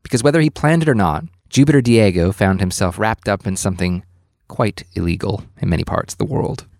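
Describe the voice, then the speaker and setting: A man's voice: fairly low pitch, fairly quick, vocal fry, a little mellow, dry recording. A man narrating a story podcast as its host, in a dry, wry scripted delivery.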